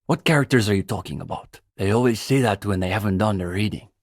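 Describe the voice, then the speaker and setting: A young man voices an earnest, self-important student revolutionary in video game dialogue: a pompous communist zealot leading a revolutionary reading group. His fairly low, husky voice is recorded close, dry and fast, and he lectures with bookish precision. Here he sounds guarded and skeptical.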